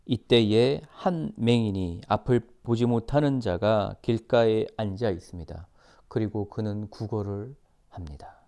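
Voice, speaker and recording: A man preaching a sermon, reading scripture and explaining it in slow, emphatic, repeated phrases, sometimes dropping to a whisper. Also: fairly low pitch, mellow, clear, resonant tone. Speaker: missionary preacher.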